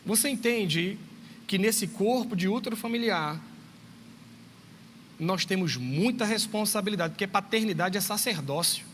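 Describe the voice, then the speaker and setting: A man, a teacher, giving a church talk to parents in a lively storytelling way, acting out dialogue and speaking straight to his listeners. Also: sits high, a little slow. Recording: long reverb, faint background noise.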